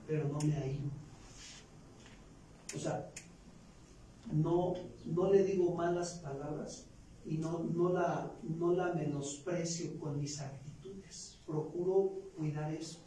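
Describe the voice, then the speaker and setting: A man's voice: on the high side, steady tone, takes it slowly, mellow, slight background noise. A man with a Mexican Spanish accent preaching a sermon, talking conversationally and tossing in rhetorical questions. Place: church. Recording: very echoey church room, voice from far off.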